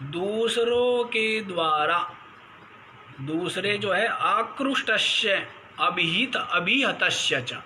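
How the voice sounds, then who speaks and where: A man's voice: high-pitched, animated, extremely slow, sharp tone, a little hiss or hum, low-quality recording. A man, a swami, giving a spiritual discourse on scripture. He chants Sanskrit verses and keeps asking his listeners questions. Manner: asks the listeners rhetorical questions; scolding, mocking tone. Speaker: swami teaching the Gita.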